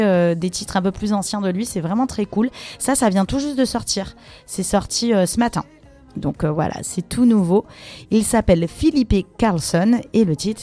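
A woman's voice: medium pitch, mellow. A woman hosting a radio music show, chatting casually between tracks with frequent hesitations. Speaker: radio host.

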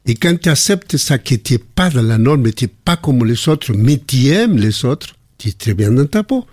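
An older man speaking French with a foreign accent, telling personal stories in a relaxed conversation with frequent restarts. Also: mid-range voice, moderate pace, no echo, clean studio sound. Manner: warm anecdotal storytelling with frequent restarts. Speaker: guest. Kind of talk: casual conversation.

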